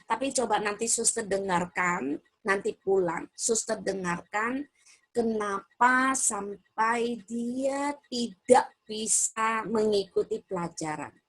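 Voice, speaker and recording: A middle-aged woman giving a parenting seminar, lively, asking the audience questions and acting out quoted voices. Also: medium pitch, slow pace.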